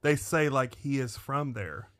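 A man co-hosting a casual podcast chat, ranting sardonically with plenty of swearing and a steady stream of fillers. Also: mid-range voice, measured pace. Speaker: podcast co-host.

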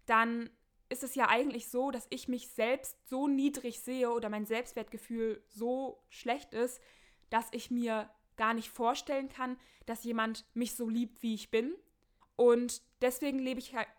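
A woman with a fairly high voice hosts a podcast, answering listener questions in a casual advice talk. She speaks bluntly and directly and presses her points with emphasis. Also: a bit bright. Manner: reads listener letters aloud.

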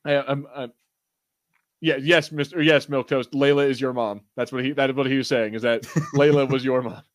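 A podcast co-host chats casually and with plenty of slang, joking, rambling and swearing some while reviewing a TV show and reading live chat. His voice is medium-pitched, recorded with clean studio sound and no echo.

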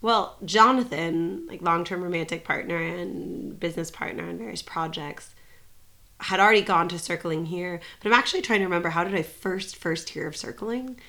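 A woman's voice: fairly low pitch, normal speed, bright, forceful tone. A woman talking as a podcast guest, thinking aloud in a reflective way and using a lot of filler words. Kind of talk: casual conversational interview.

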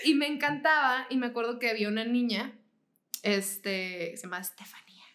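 A woman's voice: a little high, moderate pace. A young Mexican woman co-hosting a podcast, telling childhood stories in casual chat, full of slang and swearing, with bits of English mixed in. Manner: slangy, swears a lot, mixes in English, animated storytelling. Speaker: podcast co-host. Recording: echoey room.

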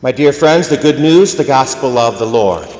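Priest preaching in cathedral-like echo. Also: male voice, medium pitch, animated, normal speed, darkish tone. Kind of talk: liturgical gospel reading and sermon. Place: large church, indoors. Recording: echoing church reverb, dull muffled sound.

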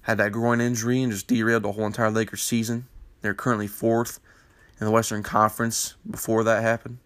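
A man with a lowish, flat voice speaks a little fast and slightly bright, with no room sound. He's hosting a basketball news panel in casual commentary, his morning voice congested from a sinus infection. He rambles, piles on fillers and pushes his opinions.

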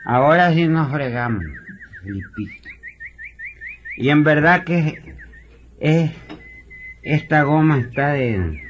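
A whining hungover drunk. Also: male voice, on the high side, animated, slow, long pauses, highs cut off, a little hiss or hum. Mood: grumbling. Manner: whining, pleading, cursing. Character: hungover grumbling young drunk man. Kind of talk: radio comedy sketch.

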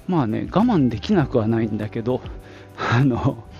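A man in his late fifties hosts a casual audio diary podcast while walking along a street to work, slightly out of breath. His mid-range, a little mellow voice swings widely in pitch at a moderate pace as he rambles with lots of fillers. Soft music plays, and the dull lo-fi outdoor recording picks up wind noise.

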